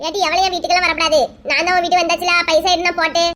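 A woman's voice: very high-pitched, level tone, very fast, fairly bright tone. A woman playing a blunt old female moneylender with a Kanyakumari Tamil accent, nagging a borrower for her money. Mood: nagging demanding.

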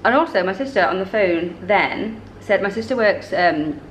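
A northern English woman films a travel vlog on a camera held at arm's length, chatting in a rambling way and often correcting herself mid-sentence, both in a hotel room and on a busy street. Her voice is medium-pitched with lively intonation and a moderate pace. The rough recording is echoey, with a little hiss or hum.

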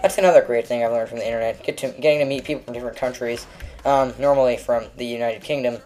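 A man's voice: medium pitch, fairly even intonation, quick pace, a little mellow, faint music behind. A young man narrating a video game as he plays, rambling and making self-mocking jokes. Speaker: gameplay commentator. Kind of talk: let's play commentary.

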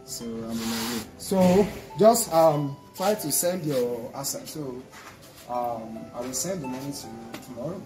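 A young man with a Nigerian accent playing a courteous suitor in a comedy skit, speaking haltingly and repeating himself. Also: mid-range voice, expressive, lightly acted, rough recording. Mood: resigned. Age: 20s. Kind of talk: improvised comedy skit dialogue. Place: open porch of a concrete house, outdoors. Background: music.

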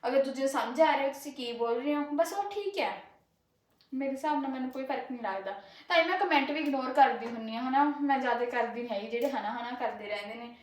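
Speaking fast in a high-pitched voice, a young Punjabi woman who runs a cooking vlog chats casually as she cooks in an echoey kitchen at home. She comes from Punjab, India, has a rural Malwa Punjabi accent, and rambles along with many filler tags.

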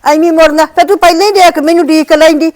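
A grumbling, quarrelsome old village mother, played by a woman in a homemade family drama. Her voice is high and her words come fast and steady. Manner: complaining, grumbling.

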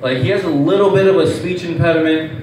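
A man's voice: fairly high pitch, quick pace, noisy background. A young adult male stand-up comedian telling exasperated, profane stories at an open mic. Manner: animated, profane, exasperated storytelling. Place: small comedy club stage. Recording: echoey room, distant mic, faint ambience.

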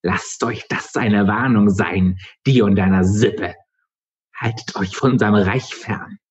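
Menacing water nixie as a man reads her, slow hiss, fairly low voice, muffled recording. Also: lightly acted. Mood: warning. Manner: slow, drawn-out hissing threats. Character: hissing, menacing female water monster with sharp teeth.

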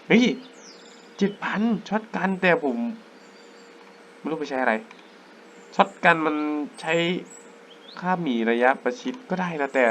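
A young man giving casual, excitable commentary while playing a hunting game, breaking into sudden jumpy exclamations. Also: on the high side, unhurried, pauses often, slight background noise. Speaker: gaming YouTuber. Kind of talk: casual let's-play commentary.

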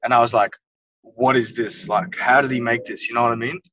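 A young Welsh man, a music producer guest, rambles loosely and at length in a casual interview chat from inside a car, leaning heavily on "like" and "you know what I mean." His level, slightly fast voice has a sharp tone and comes through a dull, low-fidelity video call on a phone or laptop camera. He sits back from the mic, so he sounds a little distant.

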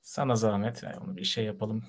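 A man's voice: on the low side, fairly even intonation, fast talker, a crowd in the background. A man teaching English on a live stream, chatty and speaking straight to viewers, his voice echoing back. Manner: chatty, addresses viewers directly. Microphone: stream mic with a sound problem.

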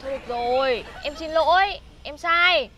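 Brief: woman as a high-voiced, skeptical girlfriend, noisy recording. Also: sharp tone, highs cut off, some chatter behind. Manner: skeptical, quick to apologize. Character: doubting young girlfriend.

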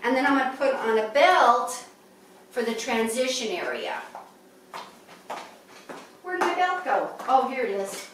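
Chatty high-voiced woman in an echoey room. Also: sing-song, a little slow, long pauses, distant mic, background noise. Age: 50s. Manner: chatty, upbeat. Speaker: fashion vlogger. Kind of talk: casual show-and-tell. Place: living room at home.

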